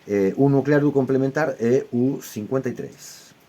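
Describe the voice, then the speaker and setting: A man giving an explanatory lecture as an I Ching teacher, speaking in a measured way and often closing his points with quick tag questions. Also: medium pitch, mellow.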